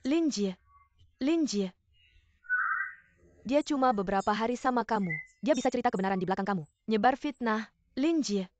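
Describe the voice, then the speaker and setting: A woman's voice: a little high, animated, moderate pace, pauses often, background noise, lightly acted. A woman dubbing an overbearing middle-aged mother who dotes on her son, in a dubbed TV drama. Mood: scolding. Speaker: dub actress.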